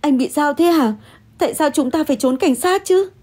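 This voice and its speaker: A woman's voice: sits high, lively intonation, normal speed, a little mellow, husky, voice pushed up. A woman doing a tearful, pleading young woman. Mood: defiant. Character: young woman, frightened, then stubbornly honest.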